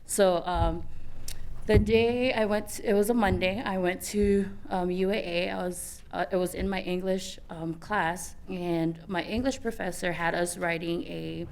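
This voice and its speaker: A woman's voice: on the low side, fairly even intonation, unhurried, creaky, a little mellow. A young woman from American Samoa, speaking on a youth panel, telling her personal story candidly with many fillers and restarts.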